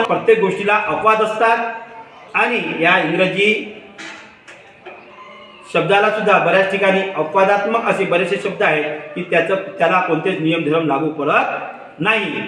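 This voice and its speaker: A man giving a children's phonics lesson, slowly spelling out letters and asking the viewer questions, then answering them himself. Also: high voice, a bit bright. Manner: slow, patient, spells letters one by one. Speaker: teacher. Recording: echoey room, far from mic.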